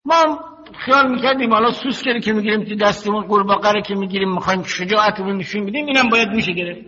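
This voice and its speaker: Older male preacher, bright, high voice, steady teaching delivery, dull lo-fi hall recording. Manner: slow, measured teaching with stories and quotations. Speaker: cleric. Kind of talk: religious sermon.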